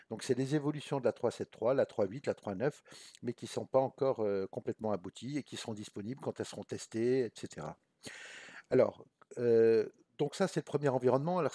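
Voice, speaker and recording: A man's voice: mid-range voice, mellow, no room sound. A man teaching a programming lesson over a screencast, explaining step by step in a casual way with many fillers and restarts.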